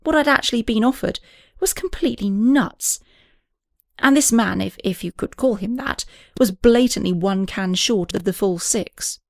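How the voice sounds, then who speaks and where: A woman's voice: mid-range voice, moderate pace, vocal fry, dry recording, clean studio sound. A woman reading an audiobook, narrating and voicing several characters with small shifts.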